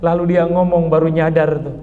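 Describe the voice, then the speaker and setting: An emphatic male preacher delivers a sermon in a mosque. His voice sits fairly high and climbs sharply when he acts out pleas. The recording is muffled and carries a long, ringing hall reverb. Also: level tone, normal speed. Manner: emphatic, rising to high pleas when quoting the dying man.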